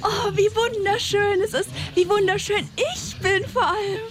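A woman's voice: very high voice, steady tone, a little slow, crowd noise. A woman playing a naive, dreamy, troubled young woman in an audio drama, gushing and wide-eyed but easily unsettled. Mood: enraptured. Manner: gushing, wide-eyed, hesitant when challenged. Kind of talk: German audio drama acting.

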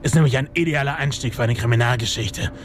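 A man's voice: medium pitch, quick pace, slight background noise, lightly acted. A man playing a self-important, theatrical private detective in a noir-style audio drama. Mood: indignant, eager.

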